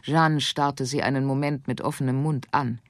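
An audiobook narrator reading a story in a calm, measured way. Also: mid-range voice, no echo, clean studio sound. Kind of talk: scripted narration.

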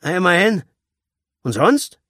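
A man voicing a gruff older father and former punk, murmuring at times and calling out loud at others, in a storybook reading. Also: high voice, sing-song, measured pace, no echo, studio quality, pitched above the performer's own voice, exaggerated voice.

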